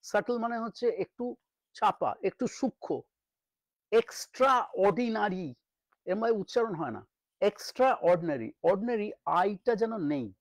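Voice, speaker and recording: A man's voice: high-pitched, darkish tone, no echo. Middle-aged male English teacher, patient drilling delivery, dry close sound. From Bengal. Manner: repeats words slowly to drill pronunciation. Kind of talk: spoken English lesson in Bengali.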